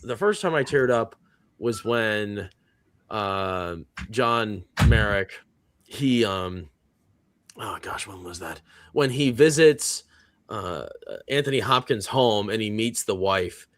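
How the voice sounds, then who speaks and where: A man's voice: fairly low pitch, expressive, slow pace, dry recording, clean studio sound. A man hosting a casual live movie reaction stream. He reads viewer comments aloud and rambles with plenty of fillers. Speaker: host of a movie reaction panel.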